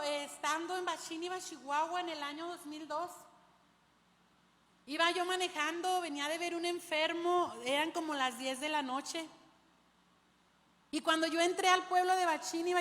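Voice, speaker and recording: Lady preacher, high voice, long hall echo on it. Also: a bit bright. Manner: storytelling, often addresses listeners as brother. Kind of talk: sermon.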